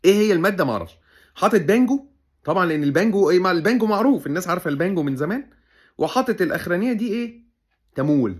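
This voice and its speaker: Fast, animated Egyptian man. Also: high-pitched. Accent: Egyptian Arabic. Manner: animated, mock-serious, teasing. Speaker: comedy show host. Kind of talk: sarcastic comic commentary.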